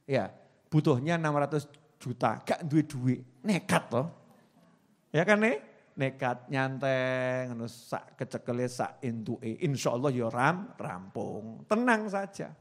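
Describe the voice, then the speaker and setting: A man in his forties with a Javanese accent, preaching a lively sermon that repeats words and teases the congregation. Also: fairly high pitch. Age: 40s. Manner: lively, repeats words, mixes in local dialect, teasing.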